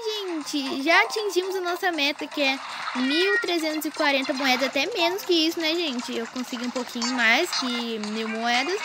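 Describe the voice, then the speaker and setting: A woman who hosts a gaming channel chatters excitedly through casual gameplay commentary, constantly addressing her viewers. Her voice is high-pitched, and since she's recording without her usual microphone, there's heavy background noise.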